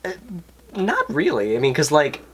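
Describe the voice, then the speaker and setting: A man's voice: fairly high pitch, huge pitch swings, normal speed, slightly rough. A young man co-hosting a casual podcast, telling a story in a rambling way, packed with fillers and self-mocking asides. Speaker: podcast co-host. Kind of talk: casual chat.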